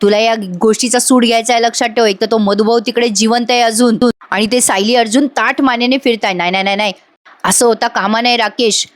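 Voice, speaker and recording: A woman's voice: on the high side, fairly even intonation, brisk, no echo, lightly acted. A woman voicing a scheming older man, a jailed father who eggs his son on to take revenge. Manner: coaxing, vengeful.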